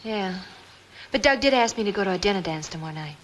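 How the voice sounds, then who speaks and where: A woman's voice: mid-range voice, animated, quick pace, slight background noise, close to an everyday voice, low-quality recording. An actress playing a brash, street-smart young woman who talks in slang. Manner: slangy, brassy.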